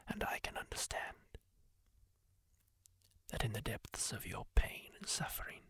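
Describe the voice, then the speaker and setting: An ASMR roleplay performer whispers as a kindly masked male healer from a dark fantasy world, telling the listener a story slowly, hushed and solemn. His voice is a soft, unvoiced whisper, gravelly and husky, natural-sounding with no echo.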